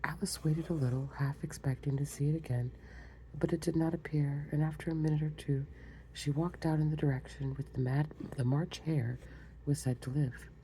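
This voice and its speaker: A woman reads a storybook in soft, unhurried whispered role-play, adding quiet asides. Her voice is very low and mellow, with a faint hiss of background noise. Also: fairly even intonation, poor audio. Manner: soft, close, unhurried ASMR reading with asides. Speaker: ASMR reader.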